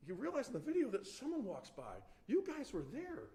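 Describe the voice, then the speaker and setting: A man's voice: very high voice, huge pitch swings, fairly quick, dark tone. A man giving a courtroom closing argument as defense attorney, emphatic and pressing, often restarting his sentences as he turns to the jury. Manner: emphatic, addresses the jury repeatedly, frequent restarts.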